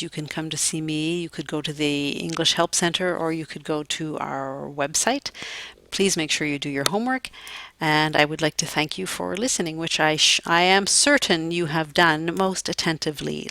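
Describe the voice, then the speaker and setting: A woman teaching an English grammar lesson, explaining clearly and deliberately, with dry little jokes. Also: sits low, fairly bright tone, dry recording.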